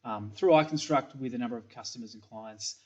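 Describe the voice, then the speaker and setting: This middle-aged Australian man, a principal at a software company, gives a recorded product presentation from a small room, his talk full of ums and repeated words. His voice sits at medium pitch with a darkish tone, and he speaks fairly quickly. The webcam audio sounds slightly dull.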